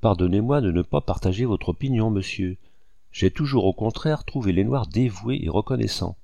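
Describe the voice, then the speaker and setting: A man's voice: lowish voice, animated, moderate pace, vocal fry, warm tone, dry recording. A man voicing a courteous older planter host. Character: older male colonial planter, kind and worried host.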